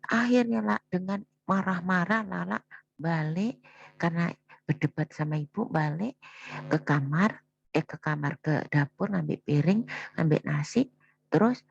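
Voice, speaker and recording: A woman's voice: fairly low pitch, gravelly. A woman speaking as a mother who recounts a family quarrel to her child, scolding and lamenting with a lot of repetition. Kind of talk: emotional spoken recollection addressed to her child. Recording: dull, dry, lo-fi recording.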